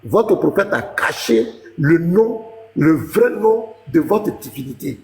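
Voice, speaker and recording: Lecturing pastor with a gravelly voice. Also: male voice, on the high side, very animated, takes it slowly, a little mellow, roomy sound, in a large hall. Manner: lecturing, insistent, talks over the other speaker. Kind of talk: heated religious debate.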